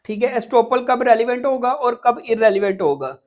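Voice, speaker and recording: Her voice fairly high, brisk, expressive and darkish in tone, a Pakistani-accented exam prep teacher lectures informally. She breaks things down step by step, with frequent repetition and check-ins.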